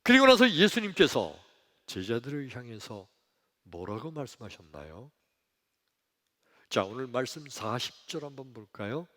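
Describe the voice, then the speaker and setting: Animated Korean pastor in a reverberant church. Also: male voice, medium pitch, moderate pace, long pauses. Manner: animated storytelling, acting out voices, swings from loud to hushed. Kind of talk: sermon. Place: church sanctuary. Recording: long hall reverb.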